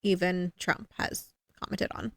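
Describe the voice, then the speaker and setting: A woman's voice: lowish voice, flat delivery, a little slow, gravelly, a bit bright, dry recording, clean studio sound. A woman co-hosting a podcast in casual chat, rambling with lots of fillers and poking fun at herself. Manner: rambling, filler-heavy, self-deprecating. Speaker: podcast co-host.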